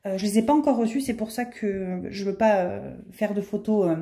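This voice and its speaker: A middle-aged woman with a brisk, dark, mid-range voice chats casually to camera while showing off handmade products. The vlogger is enthusiastic, using lots of fillers and repeating herself.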